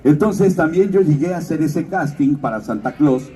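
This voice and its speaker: A voice actor talks to an expo crowd and tells stories, slipping into character voices as he goes. His tone is mellow and a little dark, and he sounds somewhat distant from the microphone. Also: fairly high pitch, expressive, normal speed. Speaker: voice actor and announcer. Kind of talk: stage talk at a fan expo.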